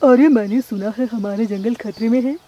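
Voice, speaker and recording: A woman's voice: fairly high pitch, moderate pace, dull audio, lightly acted. A woman voicing an anxious male green parrot in a cartoon, urgent in tone. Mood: worried.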